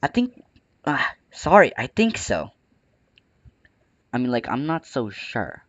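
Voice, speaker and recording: A man's voice: medium pitch, huge pitch swings, slow pace, fairly bright tone, dry recording, lo-fi sound. A man with the hiccups, chatting casually over gameplay, with a bit of playful trash talk. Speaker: gaming channel host. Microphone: close desk microphone.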